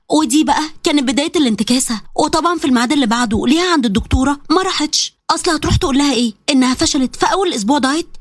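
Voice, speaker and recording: A woman with an Egyptian accent narrating a story briskly. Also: sits high, no room sound, studio quality. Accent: Egyptian Arabic.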